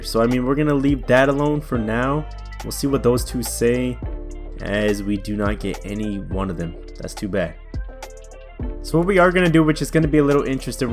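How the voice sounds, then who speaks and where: A young man casually commentating a basketball video game, chatty and thinking aloud, with faint music behind him. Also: mid-range voice. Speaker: gaming YouTuber.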